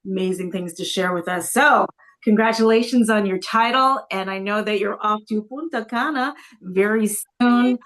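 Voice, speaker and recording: A woman's voice: medium pitch, normal speed, a bit bright. A woman hosting an interview talk show, welcoming and praising her guest with enthusiasm.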